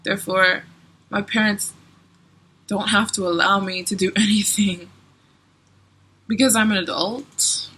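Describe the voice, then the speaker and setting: Young woman in her twenties, bright crisp tone, chatty vlogger who laughs easily. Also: mid-range voice, steady tone, a little slow, long pauses. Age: 20s. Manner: chatty, giggly, lots of "like" and "um". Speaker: travel vlogger. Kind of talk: casual Q&A vlog.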